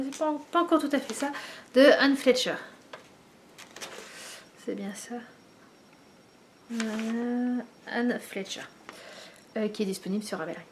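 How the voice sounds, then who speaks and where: A woman, likely in her thirties, chatting casually to the camera at home as host of a knitting video, pausing often with many fillers. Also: fairly high pitch, a little mellow, a little hiss or hum. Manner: hesitant, many pauses and fillers.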